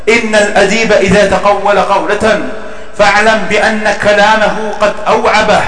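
Echo-drenched man declaiming classical verse, high-pitched. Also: fairly bright tone. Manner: formal, emphatic, measured declamation. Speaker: poet reciting his own verse. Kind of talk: declamatory classical poetry recitation. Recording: echoey, long reverb, distant from mic.

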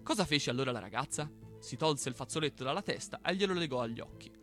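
A man hosting a radio show, reading a folk tale aloud in an expressive storytelling manner. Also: medium pitch, quick pace, soft background music. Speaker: radio host. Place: radio studio.

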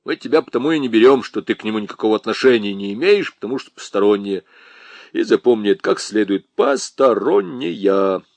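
A man's voice: lowish voice, quick pace, darkish tone, no room sound, natural voice. A man playing a smug, mocking, middle-aged lieutenant in a storybook reading, drawling in a mock-official tone.

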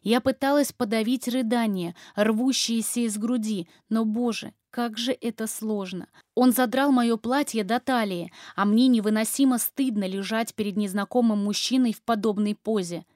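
A woman narrating a romance novel in the first person, in an intimate, expressive reading. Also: a little high, moderate pace, few pauses, dry recording, clean studio sound. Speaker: audiobook reader.

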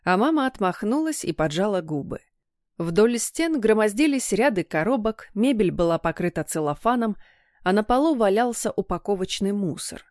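A woman narrating a first-person audiobook in an even, expressive storytelling manner. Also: mid-range voice, normal speed, dry recording, clean studio sound.

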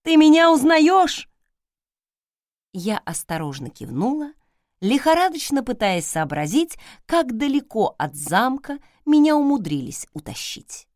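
A woman narrates a story in a bright, animated voice that rises and falls a lot. The sound is close and dry, with no room around it. She reads steadily and slips into the characters' voices. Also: sits high, dry recording. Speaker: audiobook narrator. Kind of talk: first-person audiobook narration with acted dialogue.

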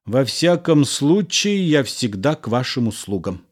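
A man's voice: medium pitch, very animated, unhurried. A male reader playing a sullen lover caught out, muttering darkly and then bursting into theatrical demands. The voice stays close to the reader's own. It is a spoken storybook reading. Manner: gloomy, muttering, then dramatic outbursts. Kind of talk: audiobook character reading.

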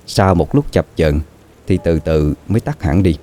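Deep dark-voiced horror storyteller, man. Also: expressive. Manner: slow, dramatic, suspenseful. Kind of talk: scripted horror story narration.

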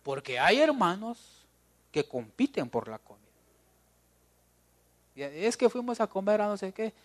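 Lively Guatemalan preacher man. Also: sits high, a little slow. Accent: Guatemalan Spanish. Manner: lively, joking, talks straight to the congregation. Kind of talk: sermon. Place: church.

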